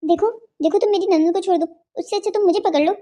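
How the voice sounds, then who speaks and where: A caring young cartoon wife, voiced by a woman reassures her family in a high, warm-toned voice. She speaks gently and steadily. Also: fast, muffled recording, a little hiss or hum. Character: brave, caring young wife, the elder sister-in-law.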